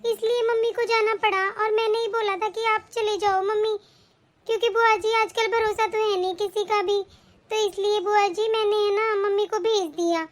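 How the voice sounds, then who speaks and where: A woman voicing a young new mother in an animated family story, polite, earnest and respectful. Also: extremely high pitch, normal speed. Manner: earnest, respectful, talks at length.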